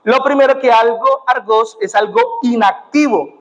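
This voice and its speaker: High-voiced Colombian young man preaching. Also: moderate pace, a bit bright. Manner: punctuates with "amén" and "gloria a Dios". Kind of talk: sermon. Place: church sanctuary. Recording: dull muffled sound in a reverberant church.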